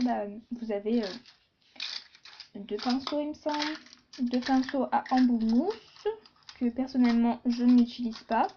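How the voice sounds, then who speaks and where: A woman's voice: on the high side, dull audio. A woman chatting casually in a beauty haul video, with many fillers and asides. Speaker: beauty vlogger.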